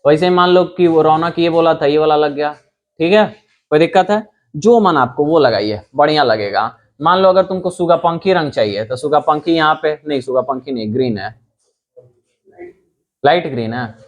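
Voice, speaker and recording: A man's voice: on the high side, lively intonation, normal speed. A young adult man from India teaching a computer class, explaining step by step and quizzing his students with rhetorical questions. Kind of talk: classroom lesson.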